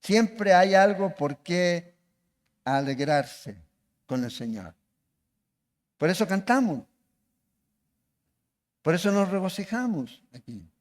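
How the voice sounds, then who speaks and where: A man's voice: high-pitched, big pitch swings, slow pace, pauses often. A man preaching a sermon as pastor, asking the congregation questions as he goes. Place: church hall. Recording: long reverb of a church hall.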